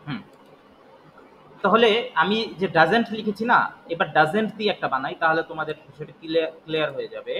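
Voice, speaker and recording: A man's voice: fairly high pitch, fairly quick, pushed and bright, slight background noise, rough recording. A man teaching English grammar, explaining step by step and asking and answering his own questions. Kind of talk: spoken grammar lesson.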